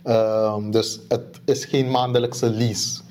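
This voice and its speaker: A man in a relaxed podcast conversation. His voice sits at an ordinary middle pitch. He builds his points slowly and leans heavily on fillers and hesitations. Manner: hesitant, many fillers, explanatory. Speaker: podcast co-host. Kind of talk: casual chat.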